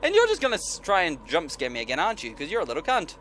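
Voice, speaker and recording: A man's voice: fairly high pitch, huge pitch swings, racing, a bit bright. A man streaming a horror game with jumpy, scared, sarcastic commentary full of swearing and exclamations. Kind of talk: casual, profane let's-play commentary. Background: game music.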